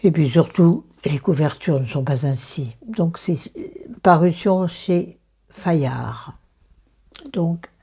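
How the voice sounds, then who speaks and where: A woman with a low, creaky voice full of vocal fry talks slowly, as if she has not fully woken up. Her tone is mellow and casual, and she rambles and pokes fun at herself while reviewing. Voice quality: croaky morning voice with vocal fry. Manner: self-mocking, digressive, thinking aloud. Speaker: book review vlogger.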